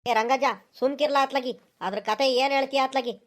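Woman playing a fast-talking, complaining old village headman, cartoon. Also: high voice, steady tone, natural voice. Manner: complaining, exasperated. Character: grumbling older male village headman. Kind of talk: cartoon voice acting.

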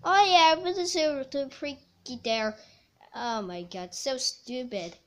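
Slow-talking woman narrating toy play. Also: high-pitched. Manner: rambling, bursts into loud excited shouts. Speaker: toy video maker.

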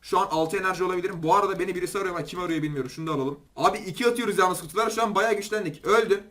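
Young male gaming commentator, Turkish accent, high and rapid, excitable and chatty with viewers. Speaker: gaming YouTuber. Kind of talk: gameplay commentary.

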